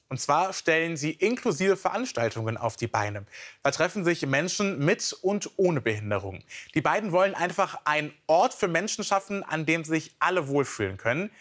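A man presenting regional news in a lively, chatty scripted style. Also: a little high. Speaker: news anchor.

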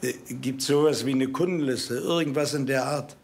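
An actor playing a level-headed police detective in a crime drama, dry and matter-of-fact. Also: male voice, medium pitch, moderate pace, gravelly, darkish tone, close to an everyday voice. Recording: noisy TV soundtrack.

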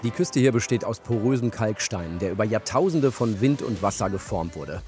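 A man as a travel reporter, giving calm, scripted documentary narration and asking a local guide questions. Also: lowish voice, normal speed. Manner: calm, even storytelling delivery. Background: music.

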